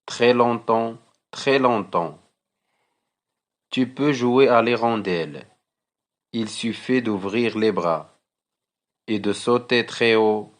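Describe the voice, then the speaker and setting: Reciting poetry the way a teacher might for a class, this man speaks at a middling pitch for a male voice. He goes extremely slowly and deliberately, measuring out each short phrase.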